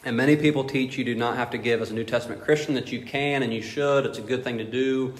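A man's voice: medium pitch, fairly even intonation, fast talker. A man preaching a sermon as pastor, emphatic and full of rhetorical questions. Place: church sanctuary. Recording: echoey hall reverb.

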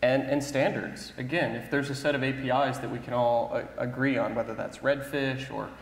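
Man, panelist, thoughtful, hedging, mid pitch, echoey hall. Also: fairly even intonation, moderate pace. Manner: thoughtful, hedging with "sort of" and "you know". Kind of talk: conference panel discussion. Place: large conference hall stage. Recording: echoey hall with faint room noise.

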